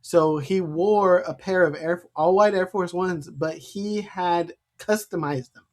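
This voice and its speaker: A man's voice: high-pitched, darkish tone. A man co-hosting a podcast as a special education teacher, chatting casually and laughing often. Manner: laughs often, quick chatty delivery with restarts.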